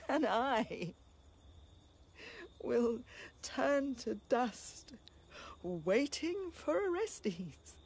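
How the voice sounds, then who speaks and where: An actress playing a bitter, grieving young princess in a classical stage tragedy, impassioned, with sharp outbursts among low laments. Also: female voice, sing-song, drawn-out words, long pauses, breathy edge, full character voice. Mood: scornful anguish.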